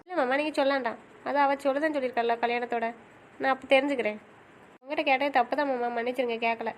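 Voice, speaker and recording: A woman's voice: sits high, fairly even intonation, very fast, slight background noise, lightly acted. A woman voicing a stubborn young college student who insists and pleads. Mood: hurt. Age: young adult. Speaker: voice actor. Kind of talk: audio drama acting.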